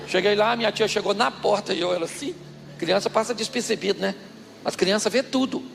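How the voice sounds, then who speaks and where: A male pastor telling a lively, humorous story in a sermon. His voice sits high for a man and has a gravelly, fried texture. He acts out the scenes as he goes. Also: fairly quick, slight background noise.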